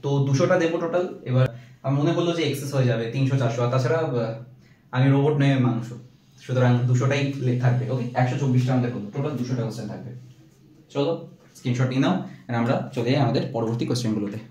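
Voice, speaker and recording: A man's voice: mid-range voice, racing, warm tone. A male teacher goes through exam multiple-choice questions. He reads each set of options, then gives the answer with fillers, and mixes English words into his speech. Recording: very echoey, from far off.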